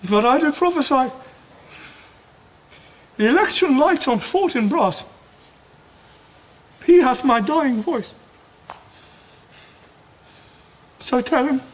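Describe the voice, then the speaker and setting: An actor playing a poisoned, dying young prince in a classical Shakespearean drama, speaking in a halting, weakening deathbed manner. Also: male voice, very high-pitched, lively intonation, exaggerated voice. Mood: dying, fading. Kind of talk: classical Shakespearean stage acting.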